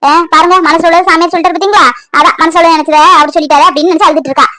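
A woman voicing a brisk, sharp-tongued middle-aged mother who scolds her daughter in a cartoon. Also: very high voice, steady tone, no room sound. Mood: scolding. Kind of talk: cartoon voice acting.

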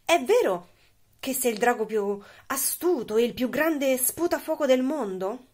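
A woman voicing a clever young princess in a storybook reading, eager and flattering. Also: sits high, unhurried.

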